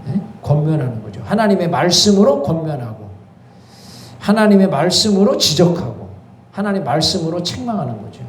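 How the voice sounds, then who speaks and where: Male pastor, high-pitched, early-morning sermon with spoken prayers, echoey church room, faint room hum. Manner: preaching with rhetorical questions and repeated "예"; rises into fervent spoken prayer. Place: church sanctuary.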